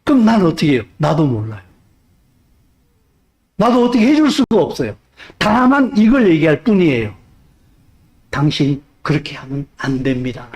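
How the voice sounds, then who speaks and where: A male pastor preaching a sermon, pressing the congregation with rhetorical questions and swinging between loud urging and hushed speech. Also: a little high, big pitch swings, normal speed, pauses often.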